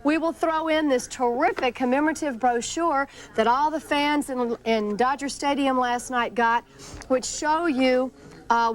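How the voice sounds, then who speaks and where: Female telethon host, high voice, persuasive and explanatory, live ad-libbed fundraising. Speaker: public television pledge drive host.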